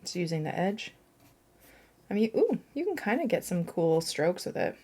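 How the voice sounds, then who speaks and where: Woman, young adult, watercolour artist, casual painting chat, self-mocking, slightly low pitch. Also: big pitch swings, normal speed, dark tone. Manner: chatty, self-mocking, thinking aloud with laughs.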